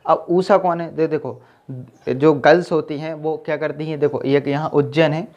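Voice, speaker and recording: A man's voice: fairly high pitch, steady tone, moderate pace, a little mellow. A man teaching an exam-prep lesson with memory tricks, who keeps saying "okay" and quizzes the listener as he goes. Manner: repeats "ठीक है" and quizzes the viewer. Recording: dull lo-fi sound.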